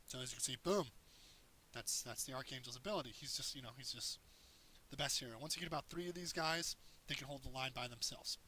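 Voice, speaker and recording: Explaining as he goes, a male commentator walks through his strategy game with casual, meandering tutorial tips. His hoarse, mid-range voice moves at a quick pace and sounds bright and forward, with faint hiss in the background.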